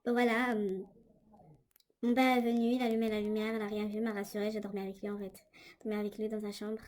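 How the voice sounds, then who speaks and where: This vlogger, a young woman, speaks quickly at medium pitch with a level, darkish tone. Her casual story is chatty and halting, packed with fillers, and captured indoors by a tablet microphone.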